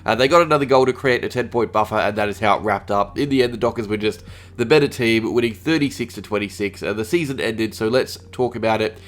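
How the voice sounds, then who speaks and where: A man's voice: fairly low pitch, fast. An Australian man with a slight cold, hosting his fan channel's solo review of a football game, with frequent "uh" fillers. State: a little sick. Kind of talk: solo sports review vlog.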